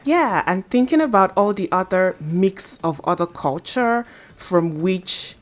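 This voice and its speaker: A woman's voice: mid-range voice, lively intonation, a little slow. A woman hosting a radio interview, attentive and encouraging as she leads into questions. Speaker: host.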